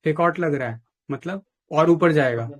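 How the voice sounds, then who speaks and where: A man's voice: fairly high pitch, normal speed. Blunt man giving trading advice. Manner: blunt, advising, mixes in English phrases. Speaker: trading mentor. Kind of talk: casual live chat with a caller.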